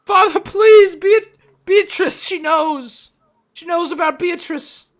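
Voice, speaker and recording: Desperate townsman in a tabletop game, super high and loud, stammering and begging. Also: slow, full character voice. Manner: frantic, stammering pleading. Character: desperate pleading townsman, frantic and wronged.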